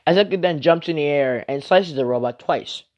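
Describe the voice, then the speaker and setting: A man's voice: fairly high pitch, moderate pace. A man reading an improvised fan story aloud, rambling with many asides and fillers. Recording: muffled lo-fi recording.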